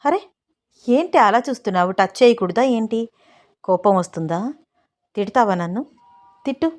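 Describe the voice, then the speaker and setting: A woman's voice: mid-range voice, expressive, normal speed, a little mellow, lightly acted. A woman voicing a playful, pushy young husband who teases his wife. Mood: teasing. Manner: teasing, cajoling.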